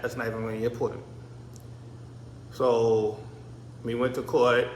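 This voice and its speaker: Recorded in an echoey room with slight background noise, this vlogger, a Barbadian-born man in his thirties who grew up in the US, rambles through a personal story and often restarts. His voice has a medium pitch and a fairly bright tone.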